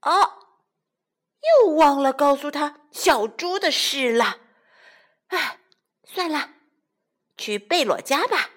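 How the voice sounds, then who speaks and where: A woman's voice: high-pitched, animated, takes it slowly, pauses often, pitched above the performer's own voice, full character voice. Woman doing a whispery greedy wolf. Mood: musing. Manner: hushed, whispery counting. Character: greedy forgetful male big grey wolf.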